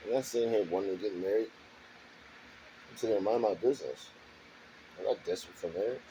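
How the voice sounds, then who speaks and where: A man's voice: on the low side, quick pace, mellow, a little hiss or hum, rough recording. A man talking alone in a garage in a rambling, defensive monologue, circling back to the same points and checking in with the listener again and again. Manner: defensive, repetitive, keeps asking "you know what I'm saying". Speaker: vlogger.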